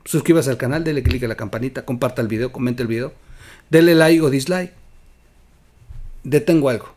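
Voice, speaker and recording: A man with a Mexican accent hosting a political commentary show, emphatic, with loud outbursts and quiet asides. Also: mid-range voice, fairly quick. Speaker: news commentary host.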